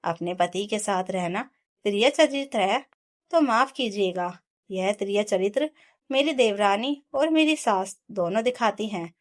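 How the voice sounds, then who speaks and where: A woman's voice: medium pitch, animated, unhurried, lightly acted. A woman voicing a young wife, hurt and pleading for her rights in an emotional storybook reading. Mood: indignant. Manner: emotional, rising to impassioned protest.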